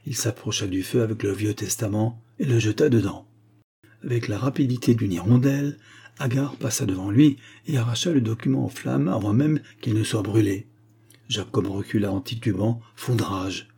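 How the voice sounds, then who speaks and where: A man reading an audiobook novel in measured, scripted narration. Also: on the low side, vocal fry, mellow, husky. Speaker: audiobook reader.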